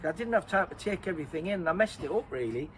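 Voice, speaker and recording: A man's voice: sits high, lively intonation, quick pace, background noise. Man telling a story. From Redcar, North East England. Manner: rambling, self-correcting, laughs at himself. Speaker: interviewee and co-host. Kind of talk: casual storytelling chat.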